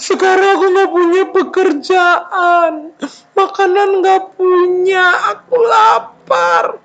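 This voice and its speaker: A man voicing a poor, hungry young son who whines and sobs in a high voice. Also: expressive, moderate pace, fairly bright tone, dull audio, exaggerated voice. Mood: tearful. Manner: high whining, sobbing voice.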